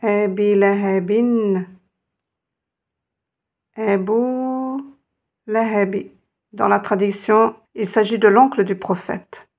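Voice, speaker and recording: A woman's voice: medium pitch, gravelly. A woman teaching Arabic reading, patiently encouraging her students and drawing out each sound. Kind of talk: reading lesson.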